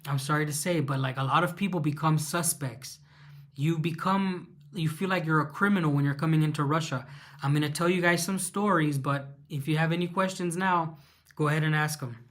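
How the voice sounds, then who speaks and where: A man's voice: fairly high pitch, fairly quick, fairly bright tone. A man with a Mexican accent hosting a casual live Q&A, reading viewer questions aloud and answering them with fillers and restarts.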